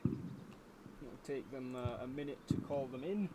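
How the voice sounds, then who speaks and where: A man's voice: medium pitch, takes it slowly. A man giving casual strategy game commentary, tentatively thinking aloud as he plays. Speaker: gameplay commentator. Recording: loud game noise behind voice.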